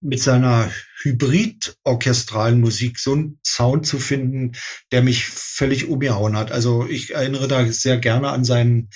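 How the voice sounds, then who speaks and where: A man's voice: mid-range voice, steady tone, moderate pace, darkish tone, husky, muffled recording. A man speaking as an interview guest, composer, in casual talk, thoughtful, with many fillers and restarts.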